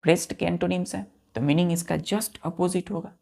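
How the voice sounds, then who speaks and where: A man teaching vocabulary, spelling each word letter by letter, counting aloud and repeating key words slowly for his students. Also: high voice, steady tone, gravelly, darkish tone. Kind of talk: vocabulary lesson.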